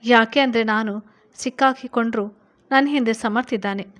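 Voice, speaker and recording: A woman's voice: fairly high pitch, moderate pace, fairly bright tone, slight background noise, close to an everyday voice. A woman voicing a confident scheming elder sister. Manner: confident, reassuring.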